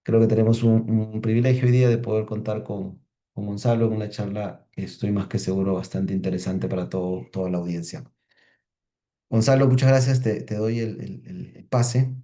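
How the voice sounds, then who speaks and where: A man hosting a technical webinar over a video call, introducing the speaker in a halting way with many repeated words. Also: on the low side, fairly even intonation, warm tone. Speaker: webinar host.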